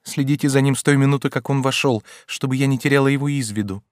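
A man's voice: medium pitch, fairly even intonation, fast talker, no echo, clean studio sound, pitched above the performer's own voice, close to an everyday voice. A man voicing a distraught young countess in an audiobook, with a raised, strained pleading voice. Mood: entranced. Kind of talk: audiobook character reading.

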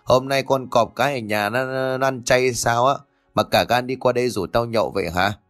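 A man's voice: medium pitch, moderate pace, a bit bright, faint music behind, lightly acted. A man voicing a blunt, hard-drinking older uncle who scolds coarsely. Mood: teasing.

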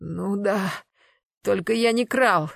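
Brief: a reader voicing a panicky young man, wheezing and defensive, higher pitch. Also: takes it slowly, vocal fry, fairly bright tone, dry recording, studio quality, full character voice. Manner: frightened, pleading, wheezing. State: hoarse, choking. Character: scared young man in his twenties, choking.

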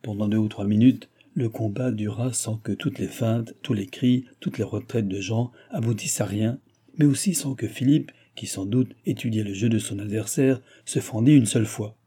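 Low husky male audiobook narrator. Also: normal speed, warm tone. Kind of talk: novel reading.

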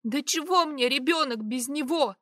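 A woman's voice: moderate pace, fairly bright tone, no room sound, studio quality. A woman voicing a frantic, desperate young sorceress who pleads and shrieks. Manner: desperate, shrill.

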